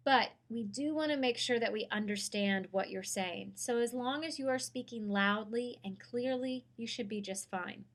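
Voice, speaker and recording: A woman, a public speaking instructor giving a clear, measured course lecture. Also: fairly high pitch.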